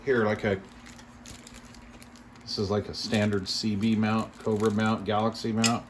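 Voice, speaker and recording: A male product reviewer gives casual unboxing commentary in a fairly low voice with little pitch movement, unhurried as he thinks aloud. He lets out mild, impressed exclamations, and background noise and room ambience are clearly audible.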